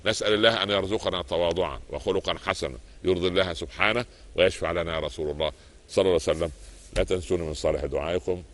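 A man with an Egyptian accent preaching a sermon, telling anecdotes in a lively storyteller's way and moving between everyday and formal speech. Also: low voice, racing. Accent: Egyptian Arabic.

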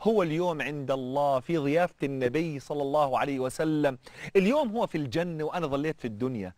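A male preacher, telling a story in a sermon with an animated, fervent delivery and colloquial asides. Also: fairly high pitch, fast.

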